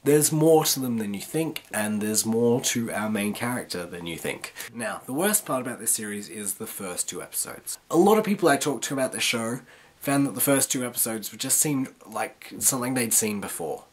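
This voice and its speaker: A woman reviewing anime to camera with a raspy, rough voice, hoarse from the flu. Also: a bass voice, animated, normal speed, darkish tone. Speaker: anime reviewer, video host. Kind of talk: review to camera, semi-scripted.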